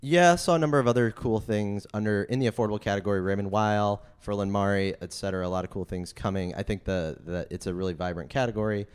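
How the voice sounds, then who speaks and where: Brisk low-voiced male podcast host. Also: smooth. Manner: brisk, steering the panel with questions. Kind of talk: panel podcast chat.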